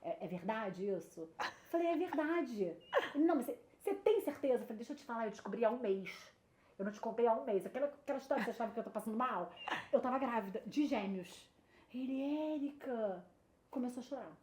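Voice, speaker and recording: A woman in her thirties tells a story at a brisk clip, jumping into lively voices for everyone she quotes. Her voice sits a touch high. The room is echoey, with a faint hiss behind. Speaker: guest. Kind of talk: storytelling in casual chat.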